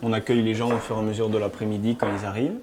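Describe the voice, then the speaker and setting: A man's voice: on the low side, very fast, background noise. A man who keeps a mountain hut, speaking casually in an interview with many small hesitations. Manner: relaxed, hesitant with frequent fillers.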